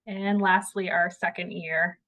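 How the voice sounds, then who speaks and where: A woman's voice: fairly low pitch, measured pace. A woman hosting an admissions student panel in a casual, conversational way over a video call. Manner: casual, conversational, relaxed phrasing.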